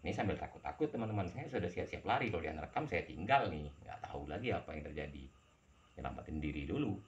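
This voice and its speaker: Deep-voiced man telling a horror story. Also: sing-song, quick pace, dull audio. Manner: addresses listeners as friends, repeats words while telling. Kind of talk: first-person horror storytelling.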